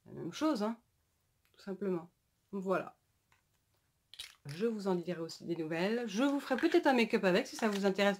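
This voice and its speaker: Chatty woman vlogging a beauty haul. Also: mid-range voice. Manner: chatty, reads packaging aloud, self-correcting. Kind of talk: casual product haul chat.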